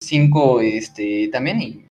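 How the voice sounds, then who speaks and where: A man's voice: mid-range voice, slow pace, a loud crowd. A man, a streamer guest chatting casually and hesitantly with fillers.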